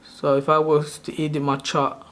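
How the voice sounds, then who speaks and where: This channel host, a Sri Lankan in his thirties, explains an on-screen tutorial at moderate speed in a monotone, somewhat high male voice. It's a rambling, unscripted walkthrough, peppered with tangents and mid-sentence corrections.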